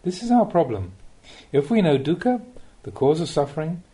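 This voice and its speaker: For this audiobook, a Buddhist monk reads a scripted spiritual teaching with deliberate, measured phrasing and rhetorical questions. His slightly high voice is very animated and carries a dark tone.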